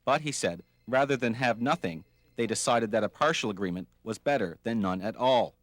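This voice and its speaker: A man's voice: mid-range voice, animated, a little fast, no echo. A man reading a scripted television news report as a reporter.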